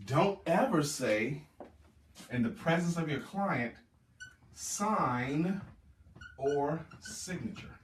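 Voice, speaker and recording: A man's voice: a little high, animated, extremely slow, pauses often, echoey room, recorded from a distance, slight background noise. A man giving a motivational sales seminar talk as a trainer, speaking emphatically and repeating key words for stress.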